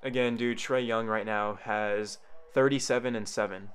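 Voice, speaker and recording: Excitable man calling a live game. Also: on the low side, normal speed, clean tone. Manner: excitable, jumps to loud shouts on big plays; rambling, talks straight to viewers. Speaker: YouTuber reacting to a live game. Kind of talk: casual live play-by-play reaction.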